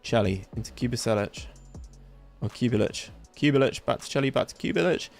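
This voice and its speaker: Chatty West Country English streamer. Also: male voice, mid-range voice, expressive, fairly quick, gravelly, faint music behind. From England. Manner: chatty, reacts aloud to the game and reads chat. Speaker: gaming streamer. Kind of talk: casual live-stream commentary. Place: home room in summer heat, fan running.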